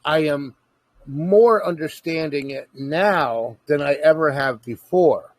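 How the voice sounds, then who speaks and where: Earnest husky man explaining at length. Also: a little high, slow pace, dry recording. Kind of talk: casual conversation.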